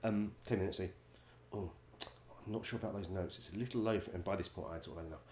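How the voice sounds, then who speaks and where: A man, a musical director and vocal coach, telling wry stories in a chatty way, laughing often and filling pauses with ums. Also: low voice, darkish tone, roomy sound, a little hiss or hum. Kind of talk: casual anecdote-telling.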